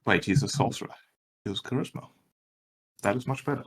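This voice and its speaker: A man's voice: mid-range voice, a little fast, husky. A man running a tabletop game, narrating and giving rulings casually as game master.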